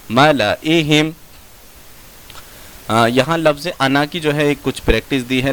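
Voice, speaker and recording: A man teaching Quranic spelling in a slow classroom lesson, drawing out each recited word in a chant and then explaining quickly in a lower voice. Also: a bit bright. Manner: drawn-out chanted recitation of words between quick low explanations.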